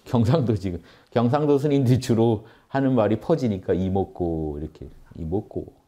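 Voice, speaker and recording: A man's voice: fairly low pitch, expressive, normal speed, mellow. A man giving an earnest spiritual lecture on meditation, explaining and addressing his audience directly. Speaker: meditation teacher.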